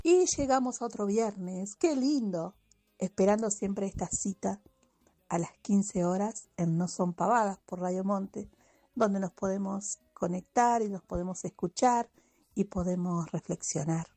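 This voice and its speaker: Mellow, husky-voiced woman on the radio. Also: mid-range voice, measured pace, no echo. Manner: chatty, friendly, addresses listeners. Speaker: radio contributor. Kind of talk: radio segment.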